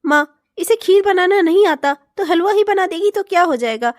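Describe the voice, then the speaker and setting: Gentle young cartoon husband, voiced by a woman. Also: extremely high pitch, expressive, normal speed, no room sound, clean studio sound. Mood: soothing. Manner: soothing, reassuring. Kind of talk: comic cartoon voice acting.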